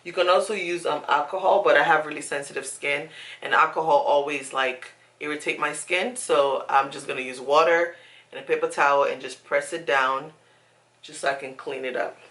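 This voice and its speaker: A young adult woman presents a casual beauty tutorial from a small indoor space at home, speaking emphatically and repeating words often. Her low voice is fairly bright, with fairly even intonation and a normal speed.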